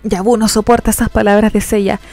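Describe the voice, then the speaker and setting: A woman's voice: medium pitch, brisk, faint music behind. A woman narrating a comic-book story, retelling the scenes and setting up each character's lines. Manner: lively retelling, sets up each quote.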